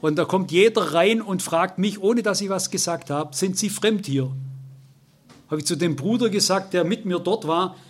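An older man with a Swabian accent preaches a sermon with emotion, turning to his listeners again and again and repeating "you know." His voice is high, his pace normal with hardly any pauses, and there's slight background noise.

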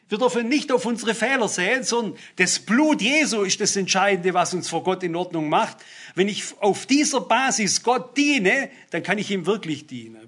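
Bright, husky-voiced male preacher. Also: sits high. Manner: earnest, emphatic, reads scripture aloud and explains it. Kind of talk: sermon.

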